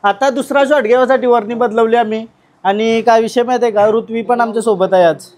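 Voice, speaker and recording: A young man vlogging casually with his family, lively and teasing as he calls out to the people around him. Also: very high voice, brisk. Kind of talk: casual family vlog chat.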